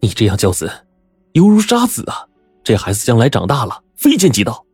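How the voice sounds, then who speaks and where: A man's voice: mid-range voice, wildly swooping pitch, a little fast, breathy edge, no room sound, clean studio sound, soft background music, voice pushed up, heavily acted. A man voicing an indignant, upright male scholar-tutor in a told story, in an exasperated, scolding manner.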